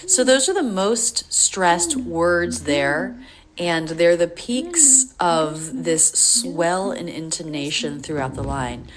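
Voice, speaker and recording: Woman, low voice, pronunciation teacher, slow careful demos. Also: animated, crowd noise. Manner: slow, careful repeating of words. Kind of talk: English pronunciation lesson.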